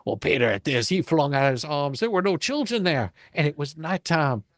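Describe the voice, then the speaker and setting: Animated and a little high-pitched, a male storyteller reads a storybook at a moderate pace with dramatic, theatrical flair and playful, folksy, ungrammatical additions. The sound is dry and studio-clean.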